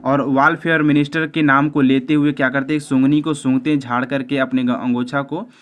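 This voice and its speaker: A man's voice: medium pitch, little pitch movement, fairly bright tone. Hesitant man teaching a lesson. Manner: hesitant, frequent filler sounds, halting over English lines; talks directly to viewers as friends. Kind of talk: explaining an English lesson in Hindi.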